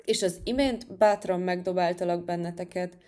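A cocky young hare from a children's storybook, puffing himself up and bragging about his brave deeds, as a woman reads him. The voice sits a little low and comes across proud and showy. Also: fairly even intonation, dark tone, natural voice. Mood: boastful. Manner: proud, showing off. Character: boastful young male field hare.

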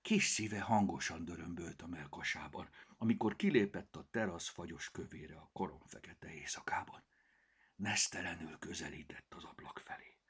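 A man narrating a children's story, often in a hushed, half-whispered way. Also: low voice, slightly rough.

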